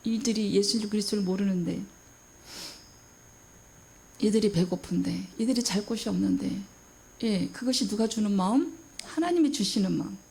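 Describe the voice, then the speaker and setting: A woman's voice: mid-range voice, moderate pace, vocal fry, pauses often, mellow. A middle-aged woman pastor preaching a sermon with emphasis, asking the congregation questions and acting out quoted voices.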